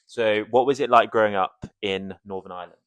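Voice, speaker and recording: A man's voice: on the low side, fairly even intonation, fairly quick, clear, resonant tone. A young man from Cornwall hosting a casual podcast at home, teasing and joking with his guest, full of fillers. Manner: jokey, teasing, chatty with fillers. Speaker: podcast host.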